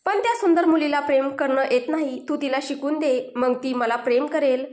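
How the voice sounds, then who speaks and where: A woman's voice: high-pitched, moderate pace, a little mellow, natural voice. A woman voicing a young husband in a storybook tale, teasing his wife and then turning jealous and tender. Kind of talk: storybook narration. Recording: roomy echo.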